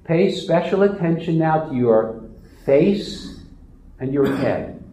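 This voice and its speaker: A man leading a guided relaxation meditation in a slow, soft, soothing manner. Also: a little high, animated, roomy sound, low-quality recording.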